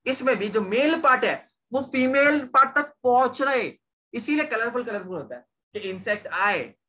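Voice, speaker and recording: Bright-voiced male science tutor. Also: high-pitched. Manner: repeats questions to students, mixes English terms. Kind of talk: online class lecture.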